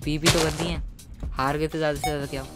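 A man doing casual gameplay commentary for his gaming videos. He is chatty and excitable and keeps calling his viewers "guys". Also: fairly high pitch, quick pace, over loud music.

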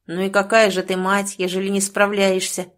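A woman voicing a lazy, rude young village husband, gruff and dismissive. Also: mid-range voice, completely flat delivery, moderate pace, fairly bright tone, lightly acted.

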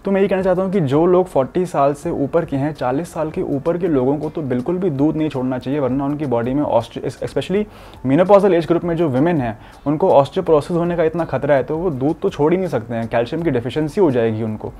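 A young male doctor from India explains health topics to the camera in a mellow, slightly high voice at a somewhat quick pace. He comes across as earnest and explanatory, slipping English medical terms into his speech. The setting is an indoor studio room furnished with curtains.

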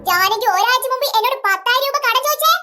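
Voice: very high voice, quick pace, bright, forceful tone, a little hiss or hum, full character voice. A performer voicing a haughty, scheming rich mother in a comic family sketch, dropping English words into her talk.

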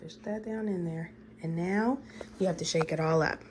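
A woman chatting casually with her child, gently coaxing and guiding her through a craft step by step. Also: lowish voice, moderate pace, a little hiss or hum, poor audio. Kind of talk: casual family vlog chat.

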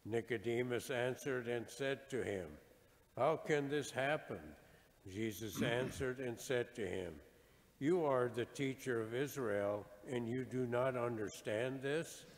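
A deacon proclaiming the gospel in a measured, formal way, his voice carried by a long church reverb. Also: mid-range voice. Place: large church.

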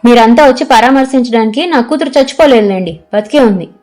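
A woman's voice: on the high side, quick pace, darkish tone, faint music behind, lightly acted. A woman narrator voicing a harsh, bitter middle-aged mother who speaks sharply and accusingly.

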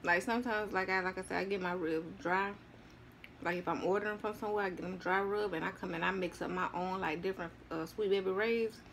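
A woman vlogger chatting casually to her viewers while eating, her mouth full and chewing, relaxed and drawling, close to the mic at home. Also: on the low side, fairly quick, slight background noise. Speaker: mukbang vlogger.

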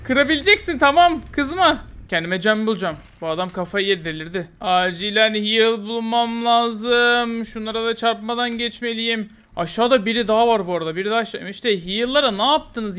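Excitable high, bright-voiced young man. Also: fairly quick, few pauses, smooth. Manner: excitable, taunting, laughs often. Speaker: gaming YouTuber. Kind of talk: live gameplay commentary.

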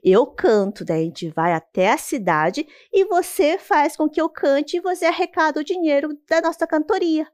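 A cheeky storybook turtle with a high, bouncy voice that swoops up and down, teasing the boy, as a woman storyteller puts her on. Brazilian Portuguese accent, playful and mocking. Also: animated, moderate pace, few pauses, darkish tone. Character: cheeky talking singing female turtle.

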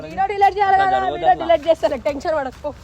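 Woman scolding her friend, super high voice, rattles it off fast. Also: over loud music. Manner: scolding, exasperated. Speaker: prank video participant. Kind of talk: heated casual argument.

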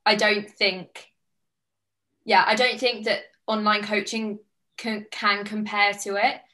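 Speaking slowly at a medium pitch, this British woman in her twenties has a level, pushed and bright voice. She's a guest on a casual video call, an online fitness coach chatting enthusiastically and gesturing with her hands from a small plain-walled room indoors.

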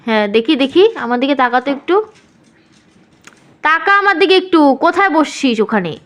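High-voiced playful mother teasing her child. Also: animated, moderate pace, fairly bright tone. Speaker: mother and vlogger. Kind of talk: casual family vlog.

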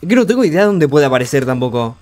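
A young man giving frantic live commentary on a horror game, urging himself on with rapid repeated words and joking with the game's characters. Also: a little high, very animated, a little mellow. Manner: jokey, talks to the game's characters. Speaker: gaming streamer.

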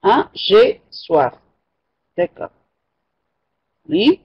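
This French teacher's mid-range voice is sing-song and creaky with a breathy edge, and she draws her words out. The online class recording sounds muffled and lo-fi as she patiently repeats and fixes students' responses.

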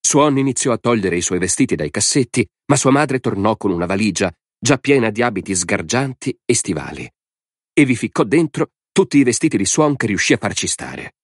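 A man reading an audiobook in a steady, measured narration. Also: lowish voice, no room sound, studio quality.

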